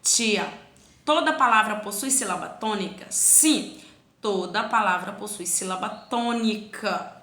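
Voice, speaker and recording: Bright, animated woman teaching grammar. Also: mid-range voice, roomy sound. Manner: stretches syllables slowly to demonstrate stress; plays both teacher and pupil asking questions. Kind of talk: children's grammar lesson.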